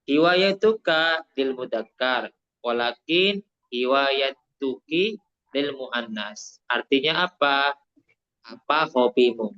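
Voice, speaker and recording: In an online Arabic class, a man from Indonesia with a Javanese accent speaks at medium pitch, his voice pushed and bright yet clear and resonant. He switches between Indonesian and Arabic, slowly repeating to explain, and the highs are cut off.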